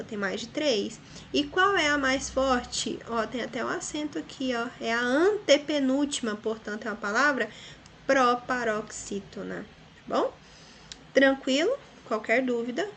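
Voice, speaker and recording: A Brazilian woman teacher explains a lesson patiently, one step at a time. She often checks in with short tag questions, and her voice sits a little high. Faint ambient noise sits behind her. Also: fairly bright tone. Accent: Brazilian Portuguese. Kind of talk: recorded online school lesson.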